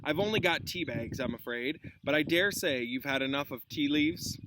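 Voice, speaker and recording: A man reading a storybook as a kindly, thoughtful wizard teacher, in a gentle conversational manner, recorded outdoors. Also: fairly high pitch, normal speed, close to an everyday voice. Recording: clearly noisy outdoor recording.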